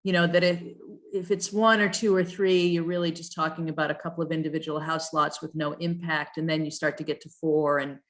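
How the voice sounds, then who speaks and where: A woman's voice: deep voice, level tone, fairly quick, few pauses. A woman on staff leading a town commission's review, reading regulation text aloud and thinking it through with hesitant fillers and restarts over a video call.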